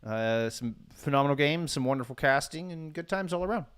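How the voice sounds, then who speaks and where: A man's voice: a little high, animated, a little fast, fairly bright tone, clear, resonant tone. A man co-hosting a casual esports podcast, joking and teasing his co-hosts. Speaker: podcast co-host. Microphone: webcam setup at home.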